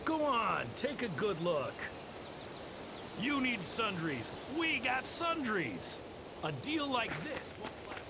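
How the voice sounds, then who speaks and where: A man voicing an eccentric, pushy shopkeeper in a video game, with a drawn-out sales patter. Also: high voice, huge pitch swings, heavily acted. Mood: hawking. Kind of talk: video game vendor dialogue. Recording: noisy outdoor game ambience.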